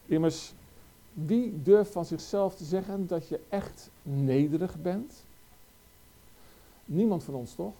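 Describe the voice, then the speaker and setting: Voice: medium pitch, mellow. A preacher giving a sermon, asking the congregation rhetorical questions with emphasis.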